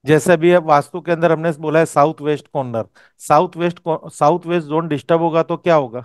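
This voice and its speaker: A man's voice: on the high side, fairly even intonation, a little fast, smooth, dry recording, studio quality. A man teaching a course, explaining step by step and often checking that his student follows. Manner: explanatory, checks understanding with "okay?". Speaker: vastu teacher.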